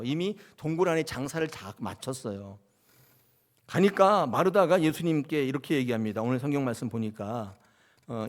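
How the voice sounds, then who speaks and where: A man preaching a sermon as pastor, questioning his congregation directly. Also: mid-range voice. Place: church.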